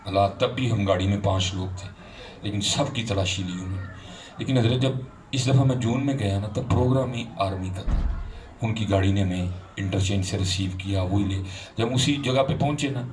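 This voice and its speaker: A man preaching a sermon, switching between slow chanted recitation and conversational talk. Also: lowish voice, a little mellow. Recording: distant mic with noisy background.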